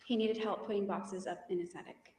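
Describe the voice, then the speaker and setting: A woman testifying in court, giving soft-spoken, hesitant, mumbled answers under cross-examination. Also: mid-range voice, fairly even intonation, brisk. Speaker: defendant testifying as witness. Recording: distant echoey courtroom audio with faint hiss.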